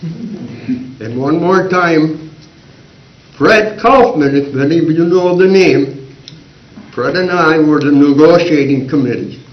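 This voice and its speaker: A man's voice: on the high side, expressive, slow, long pauses. An older man, a former school board member, giving folksy, anecdotal remarks at a public meeting. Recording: roomy, dull community TV audio.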